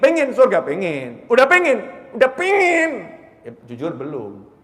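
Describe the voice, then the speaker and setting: High-voiced preacher in a reverberant hall. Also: male voice. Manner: emphatic, rhetorical questions, swings between loud and hushed. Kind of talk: sermon.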